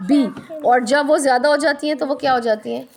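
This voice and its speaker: A woman teacher giving a classroom lesson, drawing out words slowly and slipping into quick Hindi asides, prompting and repeating answers. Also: high-pitched, fairly even intonation, gravelly, soft background music. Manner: slow, drawn-out English and quick Hindi asides.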